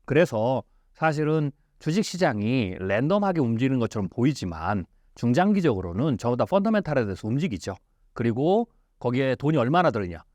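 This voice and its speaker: A man's voice: medium pitch, darkish tone, dry recording. A man as an interview guest, explaining in an emphatic way with rhetorical questions. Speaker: futurist guest.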